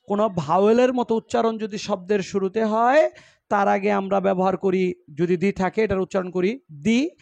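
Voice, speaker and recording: A Bangladeshi man with a Bangladeshi accent teaches an English grammar class, explaining in Bengali mixed with English words and example sentences, quizzing students and repeating their answers. His high-pitched voice is gravelly and a little mellow at a moderate pace, and the audio is dull with no room sound.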